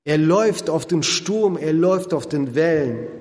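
A man preaching a sermon in a lively storytelling way, acting out quotes and swinging between loud and soft. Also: on the high side, unhurried. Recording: long hall reverb.

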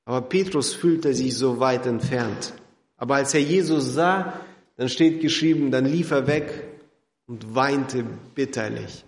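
A man preaching a sermon, addressing listeners directly and dropping to quiet, intense tones for emphasis. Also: mid-range voice, unhurried. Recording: echoey hall with long reverb.

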